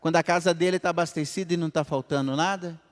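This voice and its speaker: Animated preaching man in an echoing church. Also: on the high side, fast talker. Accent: Brazilian Portuguese, Minas Gerais. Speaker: pastor. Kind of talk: sermon. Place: church hall. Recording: long church reverb.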